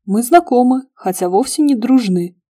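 Brief: a woman voicing a courteous, wistful middle-aged gentleman, mellow. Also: a little high, expressive, moderate pace, pitched above the performer's own voice. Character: polite, sad middle-aged male restaurateur.

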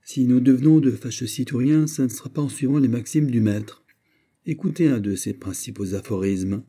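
A man's voice: mid-range voice, dark tone, breathy edge. A man voicing a teasing, witty old-time poet. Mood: playful. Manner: quick, teasing and argumentative. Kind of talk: audiobook character voice.

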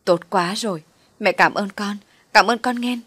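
A woman's voice: mid-range voice, normal speed, fairly bright tone, breathy edge, dry recording. A woman voicing a ruined middle-aged mother who begs her daughter for help in a tearful, pleading way. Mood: grateful.

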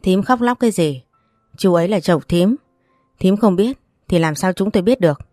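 A woman's voice: mid-range voice, lively intonation, moderate pace, warm tone, no echo, studio quality, faint music behind, natural voice. Woman reading as a stern older family man. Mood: reproachful. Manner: firm, reproachful.

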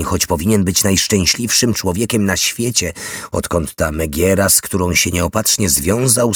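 Deep husky guy narrating an audiobook, steady and measured, dry close sound. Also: no room sound. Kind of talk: scripted narration.

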